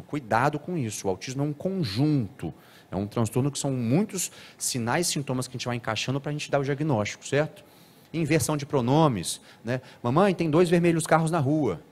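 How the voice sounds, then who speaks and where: A man giving a live talk to an audience, animated and now and then acting out children's speech in a higher voice.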